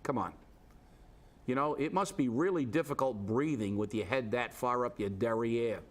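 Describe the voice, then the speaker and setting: Congested from a head cold, this local talk show co-host speaks at medium pitch and normal speed. He rants indignantly and sarcastically, with frequent restarts.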